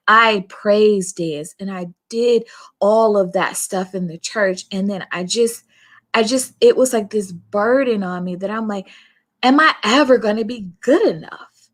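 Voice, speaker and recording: A woman's voice: mid-range voice, fairly bright tone. A woman from Virginia in her late thirties, co-hosting a podcast and talking earnestly and reflectively, with many fillers. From Virginia, US South. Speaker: podcast co-host. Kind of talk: casual conversational podcast.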